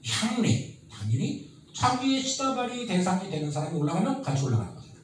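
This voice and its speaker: A man giving a lively history lecture who asks his students constant questions and acts out the people he quotes. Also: high voice, fairly quick. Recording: very echoey room, mic at a distance, faint noise.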